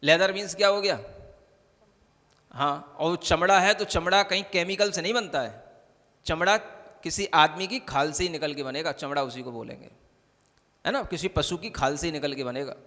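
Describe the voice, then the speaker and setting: Male monk, high bright voice, chatty sermon, long hall reverb. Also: moderate pace, long pauses. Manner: conversational preaching, keeps asking "समझ आ रहा है?". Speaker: Jain monk.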